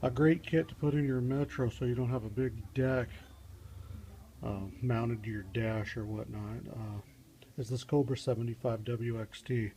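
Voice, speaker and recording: A hobbyist car DIY demonstrator gives an unscripted how-to in his home garage, halting, rambling, and matter-of-fact. His medium-pitched voice is warm with fairly even intonation. He films in and around the car on a handheld phone he moves around, so the mic is distant and the audio noisy.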